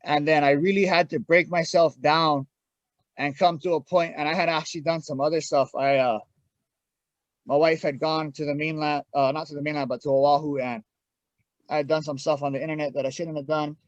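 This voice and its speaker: A man's voice: on the high side, fairly even intonation, a little fast. A plain-spoken man giving a candid personal testimony as a podcast guest in casual conversation. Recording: dull, echoey room sound.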